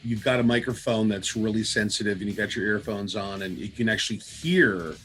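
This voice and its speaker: A man's voice: on the low side, a little fast, a bit bright, faint music behind. A middle-aged man hosting a casual podcast, talking in a wry, playful and rambling way. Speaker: podcast host.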